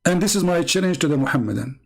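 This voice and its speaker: Sarcastic Middle Eastern-born debater, man, mocking and challenging tone, voice on the higher side. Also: expressive, fast talker, creaky, low-quality recording. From Middle East. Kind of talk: polemical monologue.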